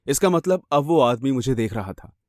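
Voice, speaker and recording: A man's voice: medium pitch, expressive, moderate pace, no echo, clean studio sound. A man reading a first-person horror story with dramatic, suspenseful delivery.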